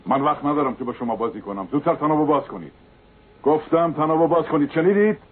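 A man's voice: mid-range voice, breathy edge, lightly acted. A man voicing a stiff cartoon governor. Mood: indignant. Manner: formal, stiff, grows indignant. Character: pompous middle-aged male governor. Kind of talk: dubbed cartoon voice acting. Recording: tinny lo-fi phone-like sound.

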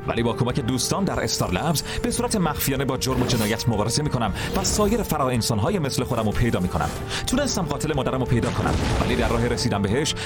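An actor dubbing a young male speedster hero who narrates the series opening in an earnest, heroic tone, over loud music. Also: medium pitch, natural voice. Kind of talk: dubbed TV drama narration. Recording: loud score under the voice.

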